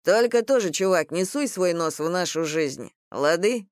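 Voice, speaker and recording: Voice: medium pitch, expressive, normal speed, dry recording, studio quality, lightly acted. A reader voicing a lazy, sneering young man who drawls his mockery. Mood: mocking. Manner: mocking, drawling.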